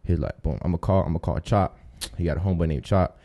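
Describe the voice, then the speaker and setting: A young American man of about twenty-one from Tampa, Florida, chats casually as a podcast guest, telling stories in informal street slang. His voice is low-pitched, fast, gravelly, and warm.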